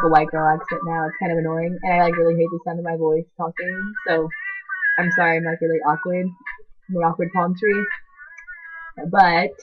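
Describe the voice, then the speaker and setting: Co-hosting a channel, a teenage girl rambles to camera about herself in a casual vlog, filling her talk with "like." She's half Chilean, half American, a native Spanish speaker, with a lowish voice. The audio sounds dull.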